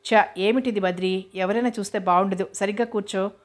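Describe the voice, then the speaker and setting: A woman voicing a shy, stubborn young woman in love, demure but quick with a sharp reply, in an audiobook. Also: mid-range voice, fairly even intonation, lightly acted. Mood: wary. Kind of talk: audiobook character reading.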